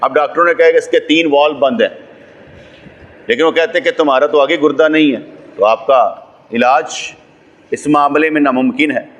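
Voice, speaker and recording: A man's voice: a little high, moderate pace, long pauses, a bit bright. A man from Pakistan with a Pakistani Urdu accent, giving a sermon as a religious scholar. He preaches and climbs to emphatic peaks, throwing rhetorical questions at his listeners. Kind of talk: sermon lecture.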